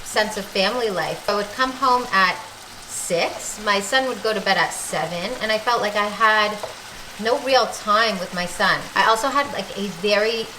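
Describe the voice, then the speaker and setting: While making food in her home kitchen, a self-assured Canadian vlogger in her thirties talks casually and jokes in playful asides. Her voice is medium in pitch, bright and forceful, at a moderate pace. The recording picks up kitchen echo and faint noise.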